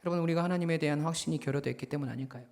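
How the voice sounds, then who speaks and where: A man's voice: on the high side, rapid-fire, creaky, a little mellow. A male senior pastor preaching a Sunday sermon in a church, telling stories and addressing the congregation directly. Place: church sanctuary.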